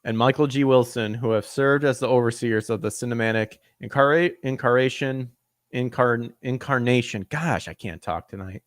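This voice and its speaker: Medium in pitch and a little fast, this man barely pauses, his recording dry with clean studio sound. He's a podcast host reading news and sneering at it sarcastically, amused by his own jokes and stumbling over words as he goes.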